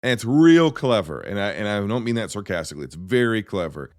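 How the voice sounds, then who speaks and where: A podcast host chats casually about films, telling animated stories that ramble and often cut off mid-thought. His voice is fairly low and fairly quick, in clean studio sound with no echo.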